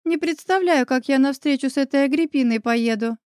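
A bossy young woman who snaps out orders and brushes off worry, as a female reader voices her. The voice sits raised and quick-tempered, with a dry, close sound and no room around it. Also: sits high, darkish tone, dry recording, natural voice. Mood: brisk, bossy. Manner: bossy, snappy. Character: brisk bossy pregnant young woman friend. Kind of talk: audiobook character voice.

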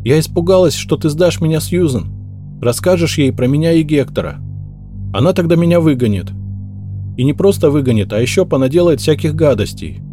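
A man's voice: fairly high pitch, animated, mellow, soft background music, pitched above the performer's own voice, natural voice. A man doing a frightened pleading young maid. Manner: pleading, rushed, tearful.

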